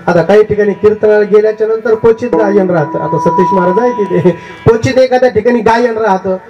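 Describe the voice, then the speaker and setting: Male kirtan preacher, high-pitched and mellow, lively comic storyteller, live lo-fi sound. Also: brisk. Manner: lively, humorous storyteller, often addressing listeners as maharaj. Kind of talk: devotional kirtan sermon with folk storytelling. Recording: dull lo-fi live recording.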